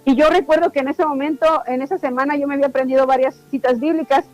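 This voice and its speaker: A woman's voice: sits high, fairly even intonation, quick pace, darkish tone, soft background music, poor audio. A woman giving a fervent, emotional faith testimony to a church congregation, often repeating her words.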